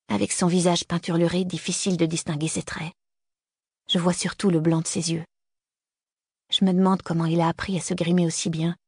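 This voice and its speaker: A woman reads a first-person novel aloud in a low, gravelly voice with a husky edge. Her storytelling is tense and breathless, and the recording is dry and close. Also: a little mellow, dry recording. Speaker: audiobook narrator.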